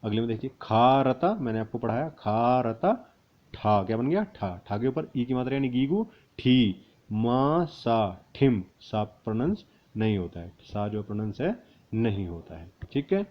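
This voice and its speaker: A man teaches a grammar lesson in an ordinary mid-range voice. He spells the letters out one by one, slowly, then says the whole word again. The recording sounds a little dull and lo-fi. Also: medium pitch, animated. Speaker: language teacher.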